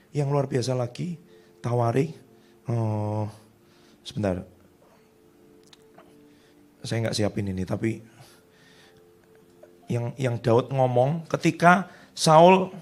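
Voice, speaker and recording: A middle-aged male pastor preaching a sermon in a lively, conversational way, acting out the voices of people he quotes. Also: mid-range voice.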